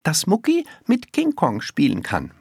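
A storybook reader voicing a stubborn, earnest little girl in first grade, high and lively. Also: a little slow, vocal fry, husky, no echo, clean studio sound, exaggerated voice. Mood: insistent. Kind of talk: storybook reading.

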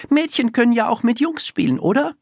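A storybook reader voicing a stubborn, earnest little girl in first grade, high and lively. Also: fairly quick, breathy edge, no room sound, studio quality. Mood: insistent. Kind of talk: storybook reading.

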